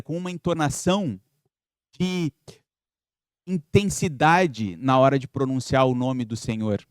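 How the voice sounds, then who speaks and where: A man's voice: a little high, no room sound, clean studio sound. A man giving an earnest, reflective spiritist lecture, posing rhetorical questions to his audience. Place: spiritist center lecture hall.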